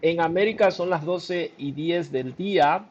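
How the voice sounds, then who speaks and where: High-voiced man hosting an interview. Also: measured pace, muffled recording. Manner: warmly effusive, expressive, laughs often. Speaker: interview host. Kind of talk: casual video-call interview.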